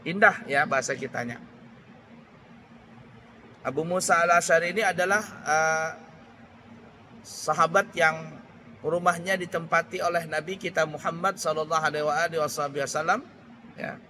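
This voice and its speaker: Man, preacher giving a lecture; bright, fairly high voice, halting restarts, faint vehicle noise. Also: steady tone. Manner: unhurried, searching for words with restarts. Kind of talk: religious lecture. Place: Islamic boarding school.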